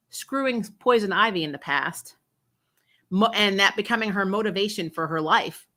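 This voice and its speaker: Medium in pitch and sharp in tone, this woman hosts a TV superhero recap show aimed at fans. She chats casually with a sarcastic, disbelieving edge, swears freely, and frequently laughs while talking.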